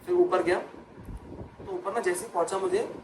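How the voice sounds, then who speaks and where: A man's voice: high voice, fairly even intonation, moderate pace. A young man, a chartered accountant and exam coach, tells a personal story in an emotional vlog. He repeats phrases for emphasis and mixes English words into his talk. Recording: noisy background.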